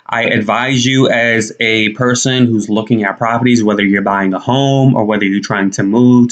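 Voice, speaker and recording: A young man with a mid-range voice comments on the news as a YouTuber. His delivery is conversational and slangy, as in a casual vlog recorded indoors. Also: medium pitch. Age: young adult. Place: small indoor room.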